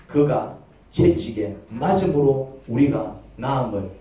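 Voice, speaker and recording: A man preaching as pastor in a church sanctuary uses a mid-range, warm voice, animated but slow-paced. He launches rhetorical questions and performs brief quoted voices, while the echoey hall leaves him sounding distant from the mic.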